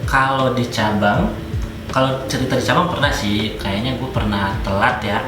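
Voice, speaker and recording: A man, a guest chatting casually in an interview, relaxed and joking, laughing often. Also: mid-range voice, moderate pace. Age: late 20s. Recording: roomy echo with background music.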